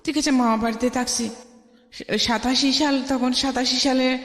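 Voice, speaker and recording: Speaking at a normal speed in a high, steady voice, a middle-aged Bangladeshi-accented woman recounts her life as a radio interview guest. She is emphatic and performs dialogue from her memories. Long reverb from an echoey room colors the recording.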